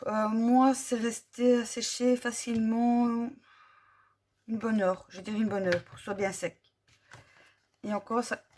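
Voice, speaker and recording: A woman with a French accent casually reviewing glitter paint tubes, slowly listing colour numbers with frequent fillers. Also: fairly high pitch, darkish tone. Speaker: vlogger.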